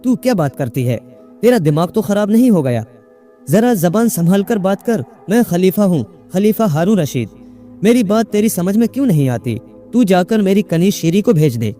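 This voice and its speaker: A man's voice: high-pitched, big pitch swings, moderate pace, soft background music. A man reading a story, voicing an angry young man who insists he is the caliph and barks orders. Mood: imperious. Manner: commanding, shouting, indignant.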